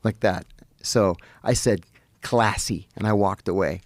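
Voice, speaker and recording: A middle-aged man telling stories as a podcast guest, animated and vivid, often restarting his sentences. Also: lowish voice, unhurried, dry recording, clean studio sound. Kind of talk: anecdotal storytelling in conversation. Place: podcast studio.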